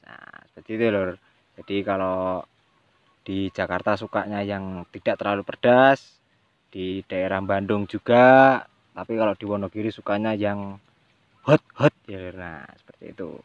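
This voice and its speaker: A man's voice: fairly low pitch, steady tone, moderate pace, clean tone, lo-fi sound. Chatty man in a chili field. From Central Java, Indonesia. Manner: chatty, addresses viewers as "Lur" often. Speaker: chili farmer vlogger. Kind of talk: casual farming tutorial vlog.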